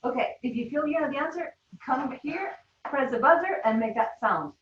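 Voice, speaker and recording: A woman leading teachers through a classroom game, giving quick, instructive directions and laughing often. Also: high voice, animated, a little hiss or hum. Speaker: teacher trainer. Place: classroom or training room. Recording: roomy, distant, dull classroom sound.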